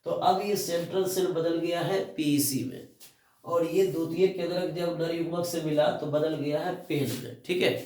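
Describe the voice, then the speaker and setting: A man teaching biology, dictating notes and repeating key terms slowly while asking and answering his own questions. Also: a little high, a little mellow. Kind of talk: classroom lecture, dictating notes. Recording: echoey room, mic at a distance.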